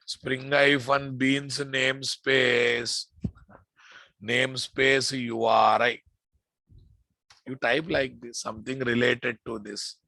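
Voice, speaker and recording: A man's voice: medium pitch, little pitch movement, takes it slowly, gravelly, bright, forceful tone, no room sound, poor audio. A man with an Indian accent giving an informal programming lecture, repeating phrases and addressing his students familiarly. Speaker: programming instructor. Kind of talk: informal live classroom lecture.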